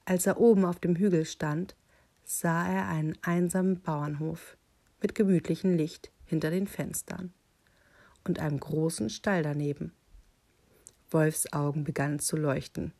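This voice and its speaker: A woman reading a children's picture book aloud, with calm, deliberate storytelling. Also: deep voice.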